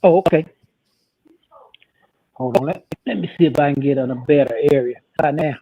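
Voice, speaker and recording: Male panelist dialing in on a video call with a shaky line; slightly high pitch, light background hiss, stammers and repeats. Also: normal speed, phone-quality sound. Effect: joining remotely on a video call with a shaky connection. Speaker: football podcast panelist. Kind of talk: casual sports chat.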